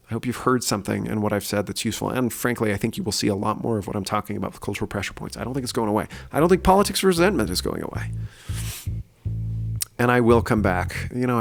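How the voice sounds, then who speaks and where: A man's voice: lowish voice, vocal fry. A man hosting his own solo podcast, speaking earnestly and thinking aloud with fillers and restarts. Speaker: podcast host.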